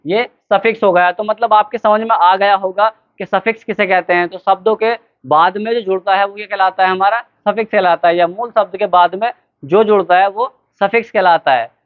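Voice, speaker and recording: A male teacher with a high, clear, smooth voice walks students through a grammar lesson. He quizzes them, answers his own questions, and spells words out slowly letter by letter. The recording is thin and tinny, like a phone line. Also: fairly even intonation. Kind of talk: classroom lesson.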